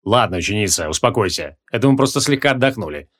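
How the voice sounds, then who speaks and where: A man doing a gruff, low-voiced archmage. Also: very animated, fairly quick, fairly bright tone. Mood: tired. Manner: gruff, lecturing. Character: stern, grumbling male archmage.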